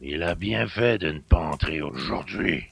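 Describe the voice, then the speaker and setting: A gravelly grumbling old-school innkeeper. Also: male voice, a little slow, a bit bright, no echo, full character voice. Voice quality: gravelly, low and husky. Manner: grumbling, resentful, rustic speech. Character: gruff suspicious middle-aged male country innkeeper. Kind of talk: audio drama acting.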